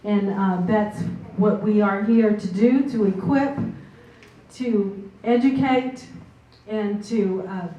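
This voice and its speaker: A woman's voice: mid-range voice, slow pace, warm tone. A woman moderating a seminar, chatty, with many fillers and restarts, recorded from far off in a meeting room. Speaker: event moderator. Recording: very echoey room from far off, faint noise.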